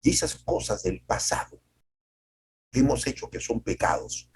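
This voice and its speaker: A male pastor preaching an emphatic sermon on a video call, with dramatic pauses and sudden jumps in pitch. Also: noisy background.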